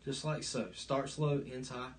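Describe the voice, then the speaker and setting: A man's voice: medium pitch, level tone, measured pace, slight background noise. A man teaching a live online drum lesson, explaining stroke types step by step and counting beats aloud, recorded on a phone's front camera. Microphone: phone front-facing camera.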